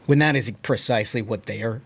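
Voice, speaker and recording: A man's voice: mid-range voice, quick pace, vocal fry, breathy edge. A man hosting a podcast interview, chatty and agreeable, backing up his guest often. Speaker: podcast host.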